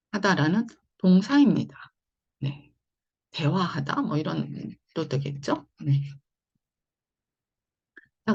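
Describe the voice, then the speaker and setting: A woman's voice: fairly low pitch, creaky, husky, highs cut off. A woman teaching English phonics in an online lesson, explaining patiently and going over each point more than once. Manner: patient, repetitive explaining with frequent "자" and "네".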